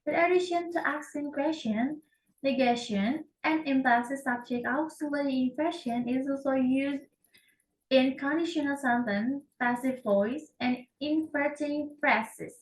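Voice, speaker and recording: A woman's voice: sits high, distant mic, slight background noise. Young woman reading a class presentation, echoey. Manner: careful, slightly halting reading with self-corrections. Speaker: student presenting a syntax project. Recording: echoey room, voice off-mic.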